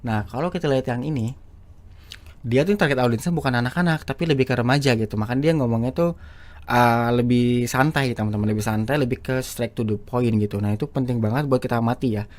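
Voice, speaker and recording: This man's mid-range voice moves at a quick pace as he leads a casual screen-share lesson on short-video speaking. He teaches public speaking on YouTube and comes across as chatty, repetitive, and heavy on fillers and restarts.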